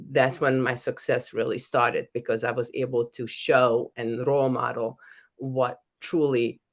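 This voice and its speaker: Her voice is very deep and creaky: a middle-aged professor and author from Hungary, speaking with a Hungarian accent as a podcast interview guest. She comes across as earnest and often begins her sentences again.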